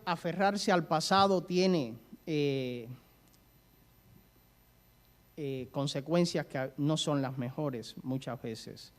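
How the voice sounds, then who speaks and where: A man preaching a sermon, telling stories and asking the congregation questions. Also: fairly high pitch. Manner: storytelling, asks the congregation questions.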